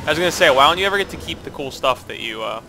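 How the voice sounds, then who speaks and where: A man's voice: on the high side, animated, very fast, over music, rough recording. A man with a stuffy, congested voice, playing a co-op game and joking with his friend in casual banter. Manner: joking, playful, self-mocking. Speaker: co-op gameplay commentator.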